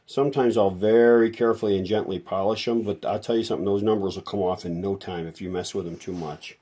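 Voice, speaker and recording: A fast-talking radio repairer with a low, steady, dark-toned voice presents a restoration video, rambling casually through the repair with folksy explanations.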